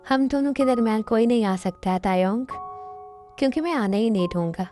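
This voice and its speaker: A woman's voice: on the high side, animated, fairly quick, dark tone, soft background music, natural voice. A woman voicing a remorseful young husband who keeps pleading and apologizing in a fan-dubbed drama. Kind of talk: Hindi fan dub drama.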